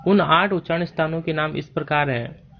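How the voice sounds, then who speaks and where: A man teaching a Sanskrit grammar lesson, speaking deliberately and spelling out sounds one by one. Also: fairly high pitch, gravelly, dull audio, slight background noise. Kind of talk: slow spoken grammar lesson.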